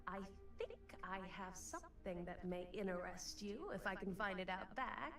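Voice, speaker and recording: Creaky, faint-voiced old woman shopkeeper. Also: mid-range voice, animated, normal speed, fairly bright tone. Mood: courteous, mysterious. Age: young adult. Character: elderly female curiosity shop keeper, courteous and mysterious. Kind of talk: video game voice acting. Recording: roomy, distant game audio over music.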